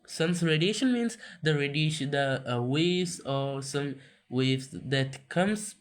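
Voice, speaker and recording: Male reader, slow and halting, coughing, textbook read-along. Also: on the high side. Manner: slow, halting, many restarts and fillers. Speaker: self-taught reader on a video channel. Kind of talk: reading a textbook aloud with explanations.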